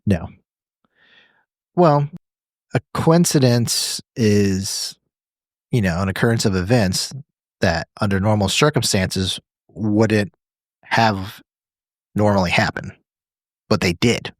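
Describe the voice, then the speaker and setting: A man's voice: fairly low pitch, slow, pauses often, dry recording. A man co-hosting a podcast, explaining ideas through long hypothetical examples with wry asides. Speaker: podcast co-host. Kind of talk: casual chat.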